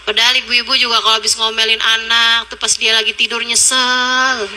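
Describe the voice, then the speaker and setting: A woman preacher giving a lively, animated sermon to a women's study group, acting out quotes and shifting tone often. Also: fairly high pitch, a little fast, background noise. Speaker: Islamic preacher.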